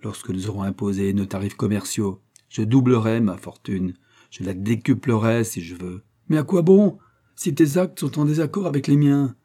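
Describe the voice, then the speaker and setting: A man voicing a domineering, proud billionaire father in middle age, speaking in forceful outbursts he tries to hold back. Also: mid-range voice, slightly rough, natural voice.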